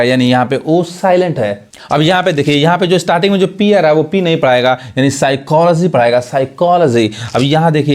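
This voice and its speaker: A man teaching English pronunciation, explaining each point with repetition and rhetorical questions. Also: on the high side. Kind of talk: Hindi-language lesson explaining English pronunciation.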